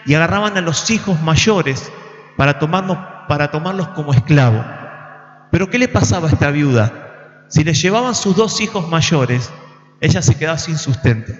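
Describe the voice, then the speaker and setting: High-voiced preacher in an echoey hall. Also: male voice. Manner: earnest, preaching with questions to the congregation. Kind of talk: sermon. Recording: echoey hall, muffled lo-fi sound.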